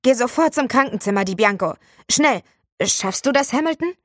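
A woman voices an alarmed male teacher, speaking urgently and commandingly. Her voice is a little high, pitched above her own natural voice, with lively intonation and a moderate pace, in clean studio sound with no echo.

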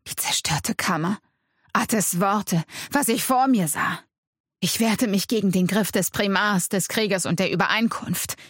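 A woman's voice: fairly high pitch, a bit bright, dry recording, studio quality. Woman narrating a dramatic audiobook. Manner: dramatic, tense delivery. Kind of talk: scripted first-person narration.

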